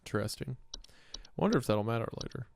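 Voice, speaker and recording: A man's voice: medium pitch, lively intonation, quick pace, gravelly, a little mellow. A man doing casual let's-play commentary, muttering reactions and reading game text aloud. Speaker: gaming video host.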